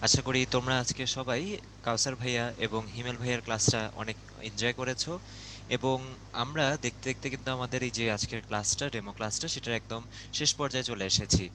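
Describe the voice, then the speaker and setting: A man with a bright, forward tone wraps up an online class and walks students through enrollment. Faint noise sits behind his voice. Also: mid-range voice, steady tone, a little fast. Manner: friendly, explains enrollment step by step. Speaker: class host. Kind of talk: wrapping up a class with announcements.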